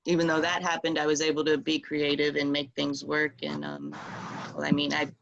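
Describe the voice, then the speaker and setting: A woman in her thirties talks loosely over a video call, padding her thoughts with fillers. Her voice is gravelly with fry, and her pitch stays flat and even. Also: a little fast, lo-fi sound, slight background noise. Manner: rambling, many fillers. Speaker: meeting participant. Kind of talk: casual video call chat.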